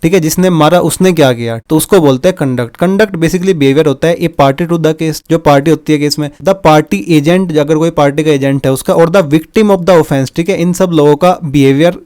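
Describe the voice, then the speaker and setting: Man lecturing on law, higher voice. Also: moderate pace, hardly any pauses, a little mellow. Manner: repeats "theek hai" to check understanding; mixes English legal terms into Hindi. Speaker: law teacher. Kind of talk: explaining lecture with examples.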